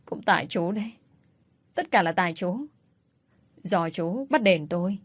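A woman's voice: on the low side, animated, measured pace, husky, no echo. A woman voicing a whiny, crafty young girl.

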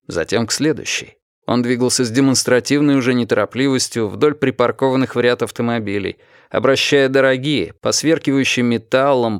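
A male narrator reads an action story steadily and expressively at a middle pitch. The recording is dry and close, with no room echo. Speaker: audiobook narrator. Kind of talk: scripted audiobook narration.

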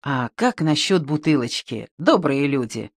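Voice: medium pitch, very animated, measured pace, no room sound, clean studio sound, pitched below the performer's own voice. A reader playing a sly old village shepherd. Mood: wheedling. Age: older. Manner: folksy rural speech.

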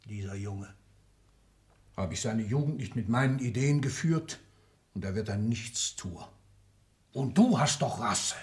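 An older man plays an ailing, domineering old industrialist patriarch, irascible and power-hungry, in a 1960s German radio drama. His delivery is commanding and declamatory, with clipped, emphatic phrases and a fervent, urging mood. His voice is on the low side, a little mellow and natural, a little slow, with long pauses.

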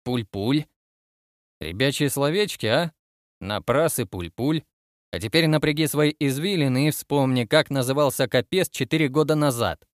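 A man's voice: medium pitch, moderate pace, no room sound, studio quality, close to an everyday voice. A man reading the part of a fussy, stubborn male starship captain going through an inventory list, speaking with a methodical, bureaucratic manner. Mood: exasperated. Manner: patient then exasperated, bureaucratic.

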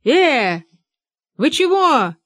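A woman voicing a bewildered young man who shouts in disbelief. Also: sits high, big pitch swings, drawn-out words, no echo, voice pushed up, exaggerated voice.

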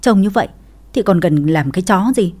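A woman voicing a blunt, sharp-tongued young sister-in-law in a read-aloud story. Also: on the low side, lively intonation, fairly quick. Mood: mocking.

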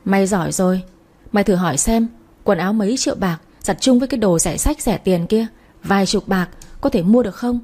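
A woman's voice: mid-range voice, fairly quick, mellow, close to an everyday voice. A woman voicing an arrogant young married woman who scolds and screeches insults. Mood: furious.

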